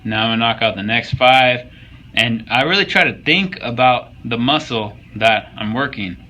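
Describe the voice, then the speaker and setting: A man's voice: medium pitch, moderate pace, bright, forceful tone, low-quality recording. A young man casually commenting on workout footage, joking and swearing as he coaches viewers. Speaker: fitness vlogger.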